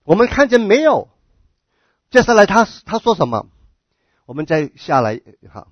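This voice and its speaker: A man's voice: sits high, big pitch swings, moderate pace, no room sound. A man preaching a sermon, earnest, often repeating words and asking the listeners questions. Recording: dull, dry lo-fi recording.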